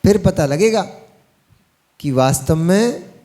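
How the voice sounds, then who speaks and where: A man's voice: high voice, animated, takes it slowly, dark tone. A man gives a Jain monk's sermon in a folksy style, speaking straight to his audience with teasing asides. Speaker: Jain monk preacher.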